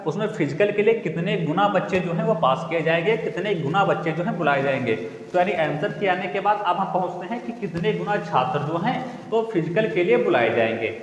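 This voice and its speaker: In an echoey room with long reverb and faint ambience, a young man teaching a class goes over exam updates in a slightly high voice, with a little background noise. His explanation is repetitive and classroom-style: each point is restated, and students are asked to recall it.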